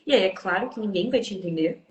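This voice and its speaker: A fast-talking woman with a mid-range voice and a Brazilian Portuguese accent comes through on lo-fi, reverberant audio. As a guest on a casual live stream, this English teacher explains what she thinks in an encouraging way.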